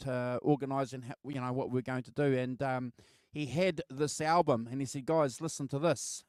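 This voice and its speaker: A middle-aged man hosting a casual music album chat, halting and repeating words as he reminisces. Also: mid-range voice, a little mellow, clean tone, no echo, studio quality. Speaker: host of a music album show.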